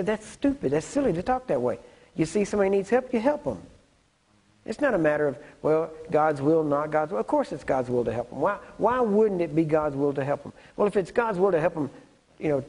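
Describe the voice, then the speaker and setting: Preacher, male, fairly high husky voice, chatty teaching sermon that keeps asking "right?". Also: a little mellow, low-quality recording. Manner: conversational, keeps checking in with "right?" and "you see what I'm saying?".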